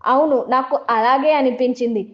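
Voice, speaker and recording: A woman's voice: high-pitched, normal speed, natural voice. A woman voicing a young woman who was hurt and firmly complains in an argument. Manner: firm, complaining. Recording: dull lo-fi audio.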